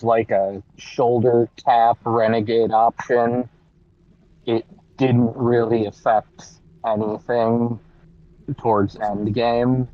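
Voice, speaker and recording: A man's muffled voice heard as if through a wall, unhurried and joking. It comes over a dull, lo-fi voice chat from inside a car. He drawls slowly and casually. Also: medium pitch, a little mellow, no room sound. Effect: muffled, dull sound, as if through a wall. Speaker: guest joining a game stream by voice chat.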